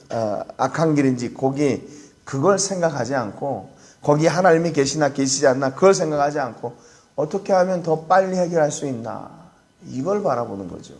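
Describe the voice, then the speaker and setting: A man preaching at an early-morning prayer service, with a mid-range voice that is neither high nor low. He speaks earnestly, acting out the voices of scoffers and then falling to a quiet hush to drive home a point. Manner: earnest preaching, acts out scoffers' voices, rising then dropping to soft emphasis. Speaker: pastor.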